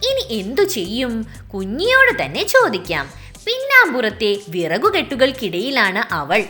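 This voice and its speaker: A woman talks young children through a lesson, her high voice swooping up and down as she asks little questions. Her tone is bright and clear. Quiet music plays under her. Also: huge pitch swings, moderate pace. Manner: sing-song, questioning children with "alle?" tags. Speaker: teacher.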